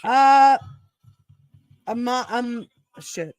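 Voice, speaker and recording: A woman's voice: fairly high pitch, very slow, darkish tone, no room sound. A woman with a Brooklyn accent co-hosting a wrestling podcast, chatting in a teasing, playful way. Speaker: podcast co-host. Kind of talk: casual chat reviewing a wrestling show.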